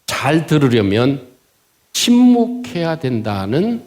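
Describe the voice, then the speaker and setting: A male pastor delivers a sermon with a fairly high voice. He is highly animated, swinging up and down as he asks questions. He leads his listeners through a reading aloud. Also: takes it slowly.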